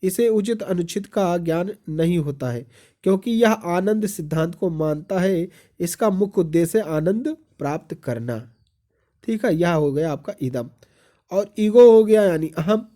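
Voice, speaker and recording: A teacher reading exam-prep notes aloud, repeating each point as a question and then answering it. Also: male voice, high-pitched, animated, measured pace, dark tone.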